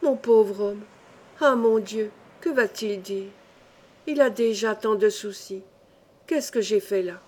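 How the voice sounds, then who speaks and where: A woman's voice: medium pitch, takes it slowly, a little mellow. A woman voicing an anxious, guilt-ridden fisherman's wife who speaks in trembling, fretful tones.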